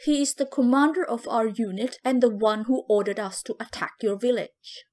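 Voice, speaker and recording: A woman's voice: on the high side, normal speed, darkish tone, natural voice. Stern male captor, cold and curt, read by a woman.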